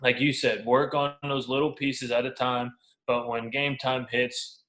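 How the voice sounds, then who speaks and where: Unhurried and level in tone, the young pro baseball pitcher, in his twenties, has a medium-pitched, fairly bright voice. Being interviewed, he talks frankly and casually, using colloquial language and anecdotes.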